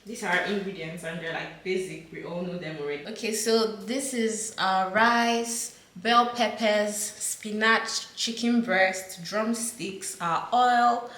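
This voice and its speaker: A woman's voice: medium pitch, slow pace, hardly any pauses, a bit bright. A young woman from Nigeria, a student guest who chats in a rambling way while cooking in a home kitchen. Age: young adult. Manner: chatty, rambling, many "like" and "basically". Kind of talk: casual interview while cooking. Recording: echoey kitchen, camera from far off. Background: cutlery and pans clattering.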